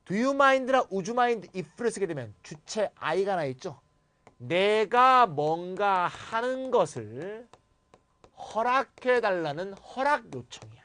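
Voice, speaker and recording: A man giving a grammar lecture. He is playful and animated, switches between formal and blunt casual speech, and acts out sample replies. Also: high voice, takes it slowly, no echo.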